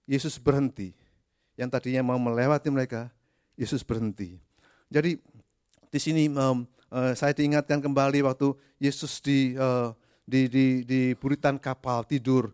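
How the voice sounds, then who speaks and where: A man's voice: medium pitch, steady tone, moderate pace, darkish tone, smooth, no echo, clean studio sound. A man preaching as a pastor, emphatic and repeating key phrases, with hesitant fillers between them. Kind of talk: sermon.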